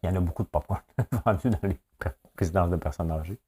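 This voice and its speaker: Québécois guy riffing on the news, very low voice, blunt and jokey. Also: quick pace, darkish tone, breathy edge. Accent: Québécois French. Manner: blunt, opinionated, joking rant. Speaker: host of a daily news chat. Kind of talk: casual news commentary.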